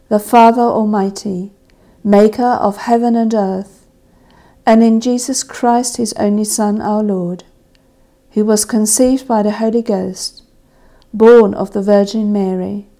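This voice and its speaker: Slow, gravelly woman intoning prayers. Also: mid-range voice, mellow. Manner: measured, solemn intoning. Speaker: service officiant. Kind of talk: liturgical reading of evening prayer.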